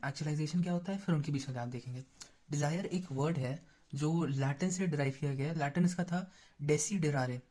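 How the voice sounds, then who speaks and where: A man's voice: a little high, mellow. A young man tutoring in a casual lecture, explaining terms in a chatty way and checking in with listeners often. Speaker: exam-prep tutor.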